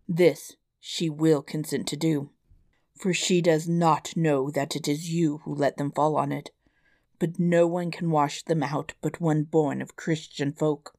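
A determined young prince from an old storybook, declaiming his plans in a firm, measured voice, as a woman reads him. The tone sits low and unhurried. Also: steady tone, darkish tone, no room sound, clean studio sound. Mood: earnest.

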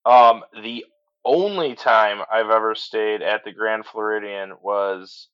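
A man's voice: lowish voice, slow, fairly bright tone, smooth. A middle-aged man chatting as a podcast guest, enthusiastic, full of restarts and "you know"s. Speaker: podcast guest, transport business owner. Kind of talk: casual interview chat. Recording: slightly dull lo-fi audio.

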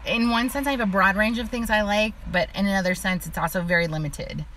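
A woman's voice: mid-range voice, quick pace, fairly bright tone, a little hiss or hum. A middle-aged woman from Illinois, chatting as an interview guest, full of "like" fillers and laughing through her stories. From Illinois, USA. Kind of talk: casual conversational interview.

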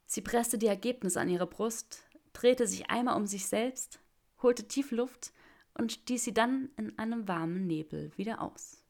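Gravelly-voiced woman reading a story aloud. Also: a little high, measured pace, a little mellow. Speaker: narrator.

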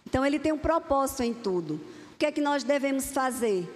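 A woman's voice: sits high, lively intonation, quick pace. A woman preacher delivering a sermon to a congregation in an earnest, repeating cadence. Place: church hall. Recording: long hall reverb.

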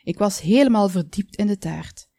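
A woman's voice: medium pitch, lively intonation, moderate pace, creaky, warm tone, no room sound, studio quality. A woman voicing a stout, proud male baker in a storybook. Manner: proud, boastful.

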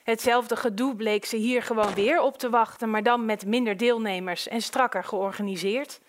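A woman narrating an audiobook in a calm, measured storytelling voice. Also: a little high.

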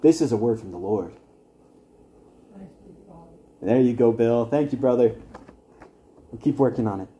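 A man's voice: medium pitch, measured pace, pauses often, warm tone, highs cut off, slight background noise. A young man teaching an evangelism class at church, earnest and conversational, with wry asides to his listeners.

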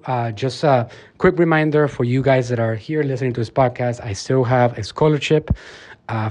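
This man runs a marketing agency and speaks with a slightly mellow, mid-range voice. His delivery is earnest and emphatic, full of fillers, in the style of a motivational podcast as he gives motivational talk and interview answers.

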